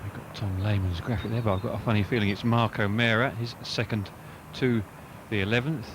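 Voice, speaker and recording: A man with a fairly low voice gives conversational golf commentary. He adds chatty asides as a co-commentator, over clearly audible outdoor noise. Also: steady tone, brisk.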